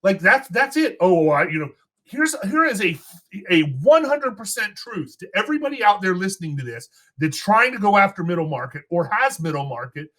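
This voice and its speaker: A man's voice: sits high, big pitch swings, a little fast, bright, forceful tone. A man hosting an insurance podcast, fired up and preaching in a casual chat. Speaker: podcast host.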